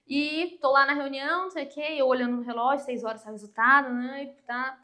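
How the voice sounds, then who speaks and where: A woman's voice: high-pitched, a little fast. A woman in her thirties from Brazil, telling a personal story as a podcast guest and acting out the voices of the people in it. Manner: animated, acts out dialogue in quoted voices.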